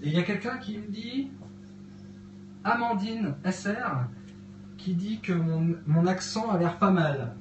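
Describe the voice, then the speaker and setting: A man's voice: high-pitched, expressive, unhurried, long pauses, lo-fi sound, background noise. A man hosting a casual cooking live stream in his cluttered kitchen at home, hesitating often with fillers as he chats with viewers. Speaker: livestream host cooking. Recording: echoey home room.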